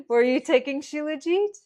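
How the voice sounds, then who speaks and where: A woman's voice: high voice, measured pace, darkish tone. A woman hosting a live Q&A stream, chatting casually and giving health advice to callers.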